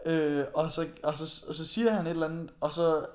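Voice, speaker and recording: A young man with a slightly high voice tells animated travel stories in a relaxed back-and-forth with a friend. He laughs easily and talks in a loose, casual way. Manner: laughs often, animated storytelling. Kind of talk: casual chat.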